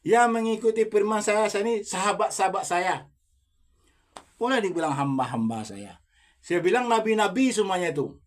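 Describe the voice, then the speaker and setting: A man's voice: high-pitched, expressive, moderate pace. A man preaching as a self-styled religious teacher in a monologue, insistent and repetitive, firing rhetorical questions at the listener.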